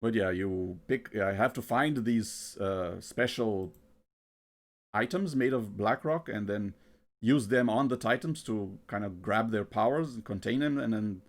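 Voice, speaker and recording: A man giving casual game commentary, thinking aloud in a halting way and often repeating his words. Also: on the low side. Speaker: gamer narrating a playthrough. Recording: game music behind the voice. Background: video game music.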